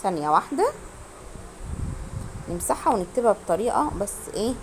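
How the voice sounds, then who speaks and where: A woman with an Egyptian Arabic accent teaching a beginner German lesson online. She drills pronunciation, repeats words slowly and quizzes her students. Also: medium pitch, very animated, a little hiss or hum.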